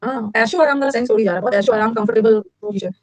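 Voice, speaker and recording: A middle-aged woman, teaching vocabulary in a lecture and drilling words with quick repetition and questions to her students. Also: a little high, rough recording.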